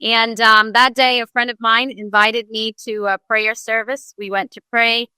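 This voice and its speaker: A woman from Ghana speaks as a guest on a real estate podcast, her voice crisp, sharp and set fairly high. She tells her story earnestly and with animation, leaning on plenty of fillers. The sound is close and dry, with no room around it. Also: level tone, moderate pace, no room sound. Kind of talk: casual interview storytelling.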